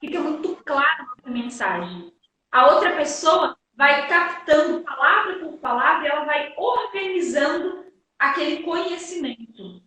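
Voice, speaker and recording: A Brazilian woman teacher giving a lively live-stream lesson, emphatic and energetic, acting out her students' questions. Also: high-pitched, normal speed. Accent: Brazilian Portuguese. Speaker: guest teacher. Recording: echoey room, distant mic.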